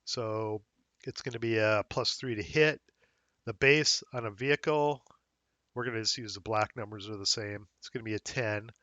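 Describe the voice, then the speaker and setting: Slightly hoarse man thinking aloud. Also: on the low side, normal speed, bright, forceful tone, no echo, lo-fi sound. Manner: casual, thinking aloud with fillers while checking rules. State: slightly hoarse, losing his voice. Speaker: wargame tutorial host. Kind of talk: screen-recorded game rules walkthrough.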